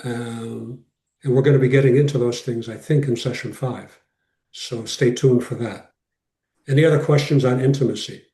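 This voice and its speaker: A man's voice: medium pitch, fairly even intonation, normal speed, warm tone. A man speaking as a rabbi in an informal class over a video call, making his points emphatically with repetition and short phrases. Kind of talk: informal lecture with question and answer. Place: online video call session. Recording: roomy echo, distant from mic.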